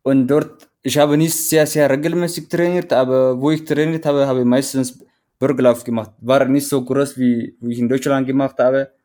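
A mountain runner from Eritrea, speaking with an Eritrean accent, is a guest in a casual interview. He talks hesitantly and restarts often while searching for words, in a warm, steady mid-range voice at normal speed.

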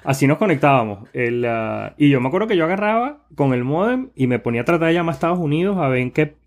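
A man's voice: a little high, big pitch swings, fast talker. A man with a Venezuelan accent, a panelist on a casual podcast, recalling old places with many hesitations. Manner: hesitant, many fillers and restarts while recalling. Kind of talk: casual tech podcast chat.

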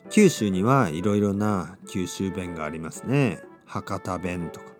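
A man from Oita, Japan, teaching Japanese to learners in slow, simple, clearly spoken sentences. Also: faint music behind. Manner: slow and clear, with lively swings in pitch.

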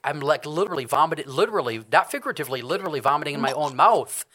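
A man's voice: a little high, animated, rapid-fire, bright, forceful tone. A middle-aged man telling a rambling story in casual chat, restarting and correcting himself often. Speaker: podcast co-host.

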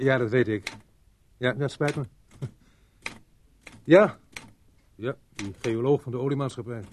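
An actor dubbing a stern police sergeant who questions in a probing way. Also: male voice, mid-range voice, a little mellow, slight background noise. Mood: casual. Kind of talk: dubbed film acting.

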